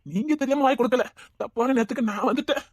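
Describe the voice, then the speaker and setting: A woman's voice: high-pitched, quick pace, a little mellow, a little hiss or hum, lightly acted. A woman doing a whiny, pleading young husband. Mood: dismayed. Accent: Tirunelveli Tamil. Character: harried young husband caught between wife and mother.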